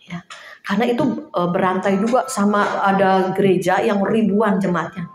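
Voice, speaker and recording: A woman preaching an informal sermon to a small house church, chatty and lively, laughing now and then and acting out little quotes. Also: mid-range voice, normal speed, reverberant, a little hiss or hum.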